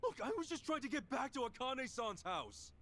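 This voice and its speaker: An actor playing a brash, hot-headed former gangster in a video game cutscene, blunt and defiant, with game music behind. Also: male voice, extremely high pitch, sing-song, brisk, fairly bright tone, full character voice. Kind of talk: game dialogue acting. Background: game music score.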